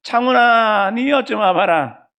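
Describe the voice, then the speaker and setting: A man voicing an older mother from Gyeongsang who speaks slowly and bluntly in dialect. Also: high voice, lively intonation, a bit bright, voice pushed up, full character voice. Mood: blunt calling. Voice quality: slow, drawn-out dialect speech.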